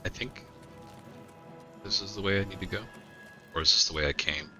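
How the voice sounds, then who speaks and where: A man's voice: low-pitched, normal speed, pushed and bright. A man streaming a video game, tossing out sarcastic, joking asides as he plays. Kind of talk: casual gameplay commentary. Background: game music.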